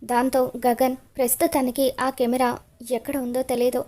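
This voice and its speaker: A woman recounts the twists of a TV serial in dramatic storytelling style, tying each scene together with repeated linking phrases. Her voice is noticeably high. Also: level tone, normal speed, dark tone. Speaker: narrator recapping a TV serial.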